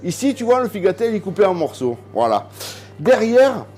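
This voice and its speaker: A man's voice: high voice, sing-song, moderate pace, darkish tone, soft background music. A man hosting a casual home cooking vlog, talking chattily straight to the viewer. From southern France. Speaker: cooking video host. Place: home kitchen.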